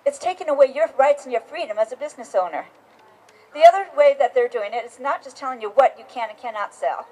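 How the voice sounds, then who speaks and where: High-voiced woman giving an insistent rally speech. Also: animated, fast talker, warm tone, poor audio. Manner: emphatic, insistent, with many restarts. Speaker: rally speaker. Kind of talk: outdoor political rally speech. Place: outdoors on capitol steps.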